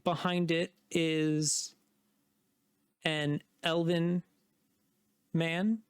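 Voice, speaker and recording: A man's voice: fairly high pitch, level tone, very slow, smooth, no room sound, studio quality. A man narrating a tabletop game as game master, describing scenes with many likes and restarts. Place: home streaming setup.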